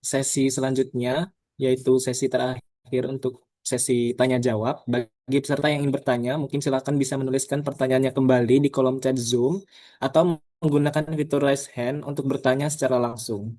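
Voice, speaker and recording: A man's voice: medium pitch, level tone, brisk, dark tone, dry recording. A man moderating a webinar over a video call, politely inviting questions and passing them on. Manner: polite, reads questions aloud. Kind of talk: formal moderating.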